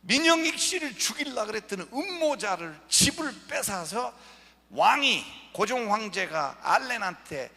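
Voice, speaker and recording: A man giving an animated lecture over slides, joking with the audience. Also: high voice, measured pace. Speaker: guest lecturer. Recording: echoey lecture hall.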